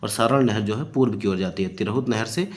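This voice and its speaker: A man's voice: on the low side, a little fast, a little mellow. A man, a coaching teacher working through past exam questions, explaining each answer with fillers and repeated phrases. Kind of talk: exam-prep lecture solving past questions.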